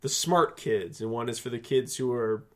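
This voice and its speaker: A man's voice: mid-range voice, normal speed. A man hosting a podcast about behavior analysis, chatting in a playful, rambling way. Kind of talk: casual chat.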